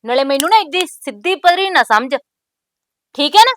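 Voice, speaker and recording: A defiant young bride. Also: female voice, high-pitched, expressive, normal speed, fairly bright tone. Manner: bold, scolding, proverb-laden retorts. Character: sharp-tongued young newly married woman, defiant. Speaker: actress. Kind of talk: village family drama acting.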